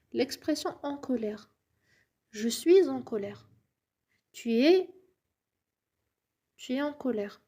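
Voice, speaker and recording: A woman's voice: fairly high pitch, warm tone. Encouraging woman teaching French. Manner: patient, encouraging, often checks understanding with "d'accord?"; drops into whispers to model pronunciation. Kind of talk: casual language lesson, switching between French and Arabic.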